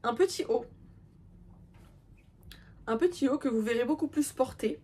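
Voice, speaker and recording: A woman's voice: on the high side, unhurried, darkish tone, breathy edge. A young woman in casual chat, showing her crochet projects with self-mocking asides and many fillers. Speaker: crochet vlogger.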